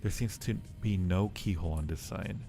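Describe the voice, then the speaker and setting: Deep and gravelly, this man's voice moves at an ordinary speed. He's a live streamer playing a horror game to the sound of its music, playfully addressing viewers, talking to himself under his breath, and reading out the on-screen text.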